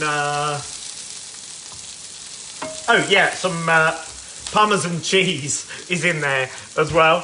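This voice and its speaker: A man's voice: a little high, pushed and bright, slight background noise, poor audio. A man cooking live in his city apartment, chatting in a rambling, casual way, sounding a little stuffy and nasal. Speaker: home cook livestreaming. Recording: sizzling pan behind the voice. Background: food frying in a pan.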